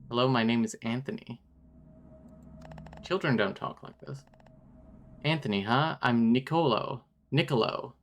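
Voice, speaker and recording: An earnest young boy in a game's asylum, warning the newcomer in a friendly and matter-of-fact way, as a man reads his lines. His lines are given plainly, close to an everyday voice at a middle pitch. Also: lightly acted.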